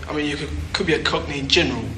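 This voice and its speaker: A man's voice: fairly high pitch, fairly even intonation, racing. A man interviewee speaking in an emphatic, reasoning way. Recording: echoey with faint noise.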